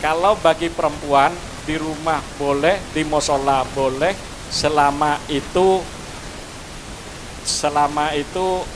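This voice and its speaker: A fairly high-pitched man speaks slowly with fairly even intonation and long pauses, against a noisy background. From Madura and speaking with a Madurese accent, he gives a preachy outdoor graduation speech to parents and students, addressing them with Javanese honorifics.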